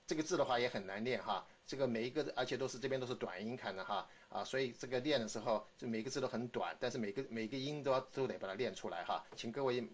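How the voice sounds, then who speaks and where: Patient man drilling phonics aloud. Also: mid-range voice. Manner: drills words slowly, ends phrases with a soft "ha". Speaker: English phonics teacher. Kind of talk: recorded phonics lesson.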